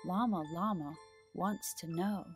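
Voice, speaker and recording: On a small decorated indoor set, a middle-aged storytime host speaks to young children and reads aloud in an exaggerated, sing-song way. Her voice sits fairly low and moves at a measured pace, with faint music behind her.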